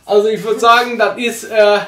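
This young podcast host and reviewer chats casually from a sofa in a small living room, rambling eagerly and filling gaps with fillers. His high voice is pushed and bright, with a level tone at normal speed. There's a roomy sound and slight background noise.

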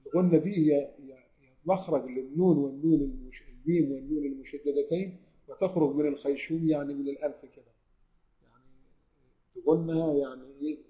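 A man with an Egyptian accent teaching tajweed to an online class, who puts questions to his students, answers them himself, and draws the recited verses out slowly. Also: on the high side, fairly even intonation, dark tone, low-quality recording. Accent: Egyptian Arabic.

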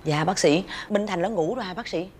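An actress playing a humble, worried mother who speaks slowly and deferentially. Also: on the low side, a little mellow, slight background noise, lightly acted. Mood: grateful. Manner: deferential, slow. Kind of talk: web drama acting.

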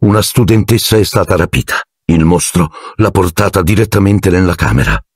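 A man's voice: sits low, expressive, moderate pace, husky, dry recording, studio quality, heavily acted. A man voicing a strict older woman professor who speaks firmly and clipped. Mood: grave. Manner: firm, clipped.

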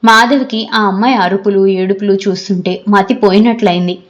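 A woman narrating a novel as an audiobook reader, in a measured, expressive storytelling manner. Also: mid-range voice, muffled recording.

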